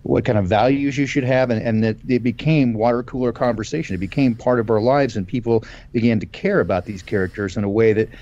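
A man's voice: medium pitch, steady tone, fast, few pauses, darkish tone, lo-fi sound. A man in his fifties co-hosting a casual live-stream talk, hesitant, with many fillers and restarts. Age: 50s. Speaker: podcast co-host.

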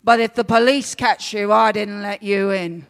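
A woman's voice: mid-range voice, fairly even intonation, normal speed, big-room sound, natural voice. A woman voicing a tiny British man with a put-on British accent who grumbles reluctantly. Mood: grumbling.

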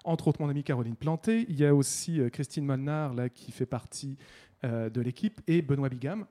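A man, chatting casually on the radio and halting often with restarts as he promotes events. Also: mid-range voice, dark tone. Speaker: festival guest columnist.

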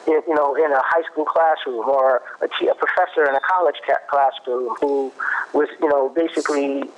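A man explaining parenting research in a conversational way, pausing and restarting as he thinks. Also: fairly high pitch, steady tone. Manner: thoughtful, restarts often, cites research. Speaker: guest expert on parenting. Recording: muffled lo-fi audio.

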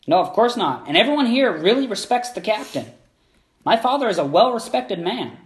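A man voicing a polite young woman sailor, the captain's daughter, who speaks softly and wistfully. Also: sits high, sing-song, a little fast.

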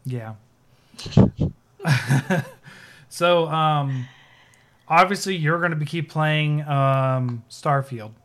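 Podcast guy, bright tense voice, rambly w lots of ums. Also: on the high side, drawn-out words, long pauses. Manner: loose and rambling, many fillers and restarts. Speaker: podcast co-host. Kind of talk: casual podcast chat. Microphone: video call setup, sharing his screen.

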